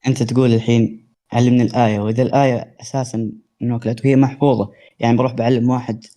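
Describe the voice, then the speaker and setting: Man, caller, very fast, mellow low timbre, colloquial, hesitant fillers. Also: little pitch movement. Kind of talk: live call-in debate.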